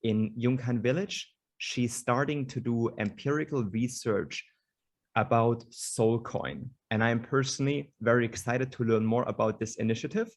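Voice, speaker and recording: A man's voice: medium pitch, moderate pace. A man hosting an online panel over a video call, introducing speakers with many hesitations and fillers. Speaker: host.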